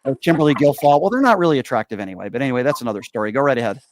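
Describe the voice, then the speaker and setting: A man's voice: medium pitch, animated, very fast, noisy background. A man in his forties from Connecticut, hosting a casual chat show and rambling with fillers and repeated yeps. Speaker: show host.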